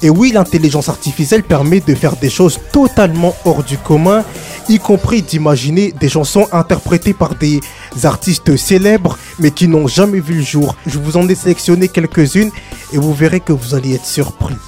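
Male radio columnist, scripted teaser, slightly high pitch, music behind. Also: moderate pace, mellow. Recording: music bed under voice.

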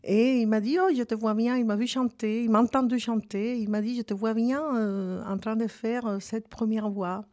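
A woman from Cuba, a singer and actress giving a radio interview and speaking hesitantly with many filler pauses. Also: on the high side, steady tone, warm tone.

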